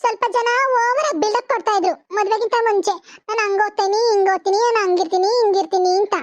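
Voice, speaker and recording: A woman's voice: extremely high pitch, steady tone, quick pace, darkish tone, dry recording, muffled recording. A woman voicing a proud, boastful young woman in a cartoon. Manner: boastful, scornful. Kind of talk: cartoon voice acting.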